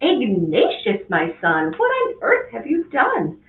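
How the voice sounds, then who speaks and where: A woman voicing a mother who exclaims in a high, shrill voice, heard on a tinny, echoey recording from a distance. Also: huge pitch swings, takes it slowly, heavily acted. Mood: disgusted. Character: excited then disgusted young mother.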